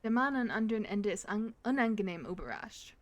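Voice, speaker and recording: A German-speaking woman hosts a gaming let's play, reading the dialogue aloud in a medium-pitched, expressive voice at a fairly quick pace. She's giggly and chatty throughout.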